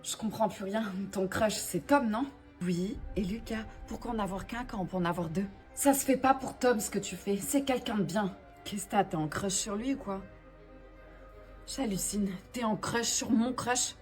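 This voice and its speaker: A young woman telling a storytime and voicing every character in a lively, conversational way. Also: mid-range voice, normal speed, soft background music. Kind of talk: slime storytime role-play.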